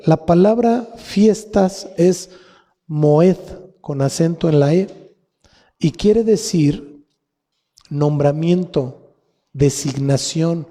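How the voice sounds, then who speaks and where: A man with a high, warm voice and a Mexican Spanish accent delivers a sermon as pastor, asking his congregation rhetorical questions. The church hall gives the recording a long reverb.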